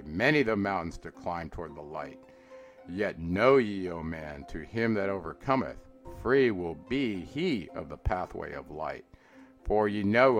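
A man with a very low, heavy voice reads an archaic mystical text like an incantation. His delivery is slow and declamatory, lifting on every call and falling away at the close of each line. Soft guitar plays faintly under him. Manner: slow, intoning and declamatory, rising on calls and dropping low at line ends. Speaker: reader. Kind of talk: solemn dramatic reading of an archaic mystical text. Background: soft guitar music.

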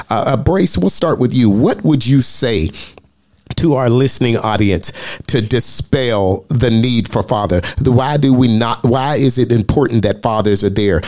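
A man's voice: fairly low pitch, a little mellow. A man who hosts a podcast and preaches, speaking earnestly on a group call and often repeating words when he is moved. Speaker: podcast host and pastor. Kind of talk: personal storytelling on a panel call.

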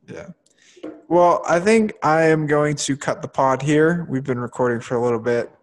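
A man's voice: a little high, moderate pace, slight background noise. Young man hosting a casual podcast. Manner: relaxed, laughs often, trails off with fillers. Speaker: podcast host. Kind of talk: casual chat.

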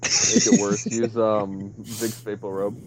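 A man's voice: on the low side, flat delivery, takes it slowly, crowd noise, poor audio. A young man rambling casually on a podcast, full of fillers and swearing. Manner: rambling, profane, filler-heavy. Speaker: podcast co-host. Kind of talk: casual chat.

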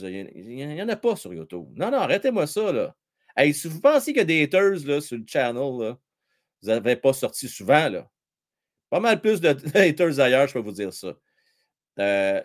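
A man with a Quebec French accent hosting a live hockey stream, commenting on the game and chatting with viewers in a slangy, excitable way. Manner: excitable, chatty, slangy, swings between shouting and low asides. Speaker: hockey livestream host.

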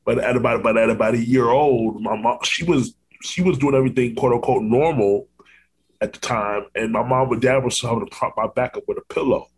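Speaking briskly in a steady, mid-range voice, a man raised in Orlando after being born in Brooklyn, New York, hosts a conversational podcast interview. He's earnest and affirming, with lots of fillers, and the rough recording carries slight background noise.

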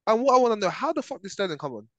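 A man's voice: high voice, very animated, very fast, dull audio, crowd noise. A young man with an urban London street accent, arguing about football in a slangy, emphatic, sweary way. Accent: London, urban street style. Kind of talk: heated casual football debate.

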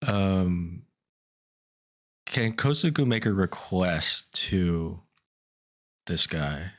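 A man at a tabletop game, talking slowly in a lowish voice. He hesitates a lot, with ums and small laughs while he works out what to ask. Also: animated. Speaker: player. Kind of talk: casual tabletop play.

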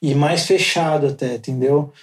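A man's voice: on the high side, steady tone, moderate pace. A man, a Brazilian tattoo artist, being interviewed on a podcast in a casual, slangy way full of fillers. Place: podcast studio. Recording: echoey studio with faint noise.

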